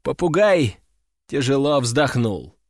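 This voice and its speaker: A man narrating a first-person audiobook story in a wry, measured way. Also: mid-range voice, very animated, no echo, clean studio sound. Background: faint music.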